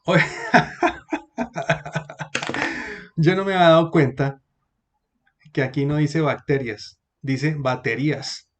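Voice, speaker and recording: A man teaching an online class, patiently explaining and repeating words slowly for his students. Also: fairly high pitch.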